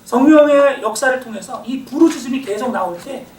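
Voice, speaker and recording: A middle-aged male pastor giving a sermon lecture in a church hall, acting out inner voices and swinging between loud and quiet. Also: extremely high pitch, a little fast. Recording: echoey hall, voice from far off, faint hiss.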